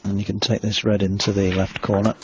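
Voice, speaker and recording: A man giving quiet, measured sports commentary as a snooker commentator. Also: fairly low pitch, level tone, a little hiss or hum. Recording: dull lo-fi TV broadcast audio.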